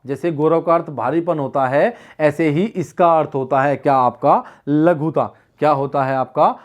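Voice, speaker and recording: A man leads an online exam-prep class in Hindi grammar, with a voice a little higher than most men's. He keeps asking a question, answers it himself and repeats the answer. His delivery is steady, patient and drill-like. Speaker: Hindi teacher.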